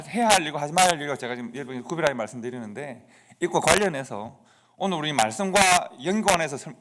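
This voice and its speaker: A man's voice: a little high, a bit bright, a little hiss or hum. A middle-aged man, a pastor, preaching a sermon and retelling a story in an earnest, emphatic way. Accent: Korean.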